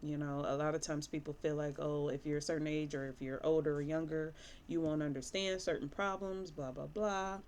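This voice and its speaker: Speaking briskly in a low-pitched, flat, slightly mellow voice, this woman is a licensed therapist in her thirties from Michigan, USA. She rambles candidly and casually to camera, leaning on fillers, and sounds sniffly because of allergies.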